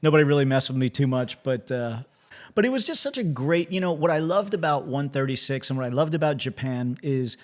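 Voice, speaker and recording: A man hosting a casual interview, telling animated stories and often restarting his sentences. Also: mid-range voice, fairly quick. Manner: animated storyteller, frequent restarts.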